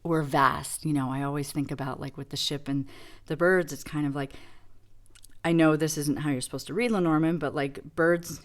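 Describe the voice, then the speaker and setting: A woman's voice: low voice, fairly even intonation, normal speed. A woman giving a casual tarot reading demo, reflective and rambling with many fillers. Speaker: tarot reader.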